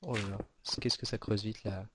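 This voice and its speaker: A man's voice: on the low side, steady tone, a little fast, background noise. A man giving casual, rambling commentary over his own gameplay, with many fillers and restarts. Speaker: gaming video host.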